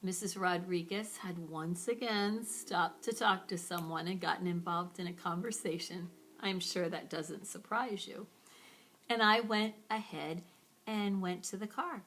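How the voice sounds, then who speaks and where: A woman's voice: fairly low pitch, steady tone, a little slow, a bit bright. A woman telling a first-person story in a wry, playful, self-mocking way.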